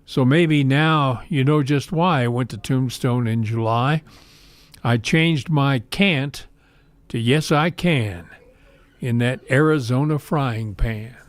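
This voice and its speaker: A man reciting rhymed cowboy poetry as a guest poet, in a measured, rhythmic storytelling delivery. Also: mid-range voice, no room sound.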